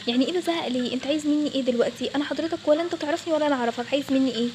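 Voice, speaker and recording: A woman's voice: high voice, rapid-fire, noisy background, lightly acted. A woman with an Egyptian Arabic accent voicing an exasperated young bank clerk in a toy role-play story. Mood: annoyed. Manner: exasperated, snapping back.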